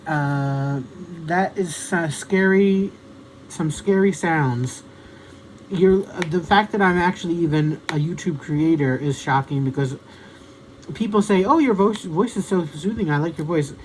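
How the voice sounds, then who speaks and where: A man's voice: on the high side, measured pace, a little hiss or hum, low-quality recording. A man, a YouTube creator, chatting casually about songs in a rambling, self-deprecating way.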